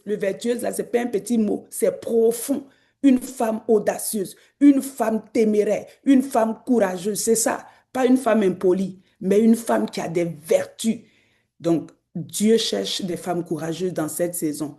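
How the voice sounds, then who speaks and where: A woman preacher, delivering an exhorting sermon that climbs to loud, emphatic peaks. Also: medium pitch, unhurried. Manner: acts out quoted voices.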